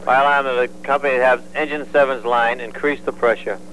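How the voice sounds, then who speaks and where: A man's voice: mid-range voice, steady tone, fast, a bit bright. A man working as a fire alarm dispatcher, making urgent, terse, formal radio calls and repeating each message. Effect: two-way radio. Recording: very noisy emergency radio with hum. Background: hum and radio noise.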